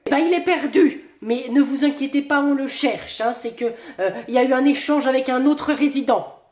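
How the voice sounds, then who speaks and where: A woman performing her own comedy sketches, sarcastic and quick with retorts. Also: high voice, a little mellow, reverberant.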